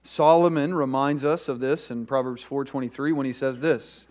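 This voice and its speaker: A pastor preaching in a church sanctuary at a pulpit microphone. He speaks deliberately and slows down to stress repeated phrases. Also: medium pitch, steady tone, a little mellow. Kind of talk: sermon with opening prayer. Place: church sanctuary during a service.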